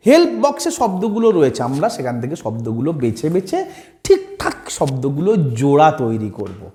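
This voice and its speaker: A man's voice: a little high, wildly swooping pitch, normal speed, mellow, echoey room. A man teaching children English, asking questions and answering them himself, with English phrases mixed in. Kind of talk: explaining a children's English lesson.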